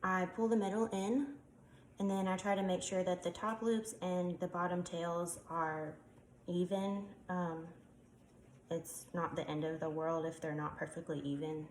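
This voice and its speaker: A craft tutorial maker with a congested, lowish voice demonstrates a craft step by step, unhurried and with little pitch movement. She chats casually, explaining as she works with her hands and saying um often, in an echoey room with faint background noise.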